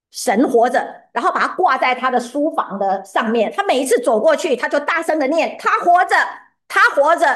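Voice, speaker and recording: A woman preaching a sermon who often puts questions to her listeners. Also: a little high.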